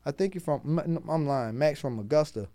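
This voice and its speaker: A man with a Baltimore accent tells a podcast host about his hustle in a loose, animated, profane voice. His voice sits a bit high. The sound is dry, close and clean, with no room around it. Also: brisk, dry recording. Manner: streetwise, profane, animated storyteller. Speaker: guest, rapper and food truck owner. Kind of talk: casual podcast storytelling.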